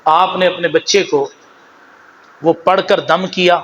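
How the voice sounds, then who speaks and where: A man with a Pakistani Urdu accent preaching a sermon, animated, moving between low storytelling and raised exhortation, and slowly drawing out Arabic phrases. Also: dull audio, slight background noise. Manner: slow, drawn-out recitation of Arabic phrases.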